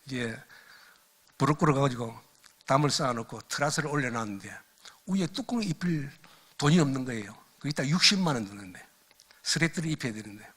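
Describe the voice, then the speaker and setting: Older man, missionary lecture, animated storytelling, bright forceful voice, lively pitch. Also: brisk, husky. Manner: animated storyteller who laughs at his own stories. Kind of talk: lecture with personal testimony.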